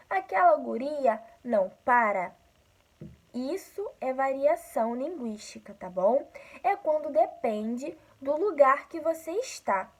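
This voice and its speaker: A woman from Rio de Janeiro with a Carioca accent, teaching a school lesson slowly and patiently, often checking in with her listeners. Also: high-pitched, low-quality recording. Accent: Carioca Brazilian Portuguese. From Rio de Janeiro, Brazil.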